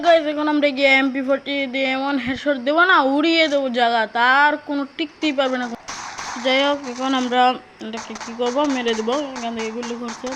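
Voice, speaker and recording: A young woman with a Sylheti Bengali accent giving chatty, excitable commentary on a mobile game, talking straight to her viewers. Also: high voice, a little hiss or hum, low-quality recording. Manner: chatty, excitable, addresses viewers, frequent exclamations. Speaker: gaming YouTuber.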